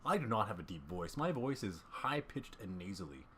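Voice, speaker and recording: Fighting off a cough, a young man narrates his gameplay in a rambling, self-deprecating voice-over. His voice is on the low side with big pitch swings and a slightly fast pace. Game gunfire and ambience come through clearly, along with a crowd in the background.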